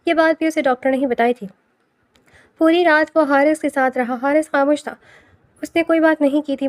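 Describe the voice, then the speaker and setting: Female audiobook narrator, high bright pitch, dry close sound, emotional delivery. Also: no echo. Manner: steady emotional storytelling. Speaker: novel narrator.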